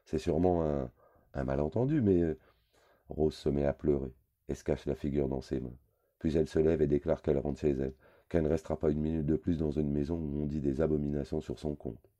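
A man's voice: rumbling low, flat delivery, quick pace, mellow. A man reading a novel aloud in first person, with wry, conversational storytelling. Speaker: audiobook reader.

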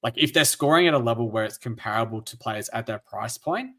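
A man's voice: mid-range voice, expressive, brisk, a bit bright. A man, a panelist in a casual chat, earnestly explaining strategy with a few restarts. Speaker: fantasy football panelist.

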